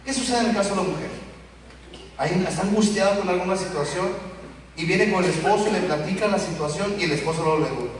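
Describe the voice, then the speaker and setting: A man with a Mexican accent preaching a sermon as pastor, animated, acting out the voices of the people he describes. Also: sits high, quick pace. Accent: Mexican Spanish. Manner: animated, acts out quoted voices of children and parents. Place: church hall. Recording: echoey hall, speaker far from the mic, faint ambient noise.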